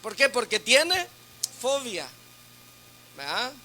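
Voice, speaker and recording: A man preaching as a deacon in a sermon to a church women's meeting, teaching through rhetorical questions and frequent tag questions, going loud on questions and soft on asides. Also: extremely high pitch, wildly swooping pitch, slow pace, slight background noise. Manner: speaks loudly on questions, then drops to a soft aside.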